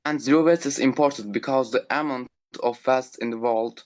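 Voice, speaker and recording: A Turkish teenage boy, speaking English as a non-native, gives a school talk over an online call, reading his points haltingly with lots of fillers. His voice is medium in pitch and steady in tone, picked up by a remote call microphone.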